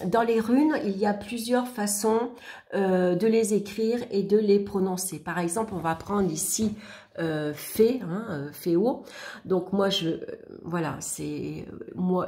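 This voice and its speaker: A woman chats her way through a workbook review in an easy, casual tone. She fills her speech with hesitations and small restarts as she turns the pages. Her voice sits at a middle pitch. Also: darkish tone. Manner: chatty, many fillers and restarts. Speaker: YouTuber reviewing a spiritual workbook.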